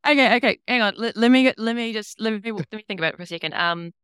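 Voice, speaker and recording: Wry New woman with a smooth voice. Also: on the high side, fast talker, fairly bright tone, dry recording, clean studio sound. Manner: chatty, wry, self-deprecating, laughs often. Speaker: game master. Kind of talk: casual chat.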